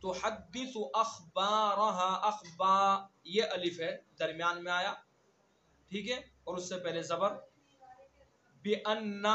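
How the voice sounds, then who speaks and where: Bright high-voiced man teaching recitation. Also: reverberant, highs cut off, slight background noise. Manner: slow drawn-out recitation of verses between quick explanations; repeats words over and over to drill pronunciation. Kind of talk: online tajweed lesson.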